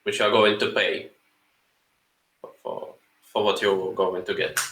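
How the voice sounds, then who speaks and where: A man from Ukraine, in English, co-hosting a casual podcast and talking in a halting way with many fillers. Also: lowish voice, little pitch movement, fairly bright tone, echoey room, low-quality recording. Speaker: podcast co-host. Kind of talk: casual chat.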